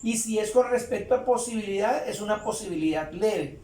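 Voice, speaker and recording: A man teaching English grammar in Spanish, explaining slowly and repeating phrases as he writes on a board. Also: high voice, mellow, far from the mic. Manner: slow, repeats phrases while writing. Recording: echoey room, voice away from mic.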